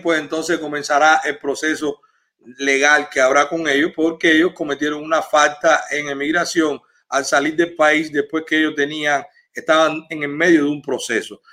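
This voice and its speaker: Cuban guy hosting a live, bright fairly high voice, earnest, lots of eh. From Cuba. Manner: earnest, informative, frequent "eh" fillers. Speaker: livestream host. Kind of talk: casual livestream update.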